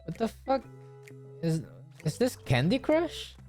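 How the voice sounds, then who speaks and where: A woman's voice: on the high side, very animated, slow, a little mellow, faint music behind. A woman streaming a game with casual, blunt, sweary reaction commentary.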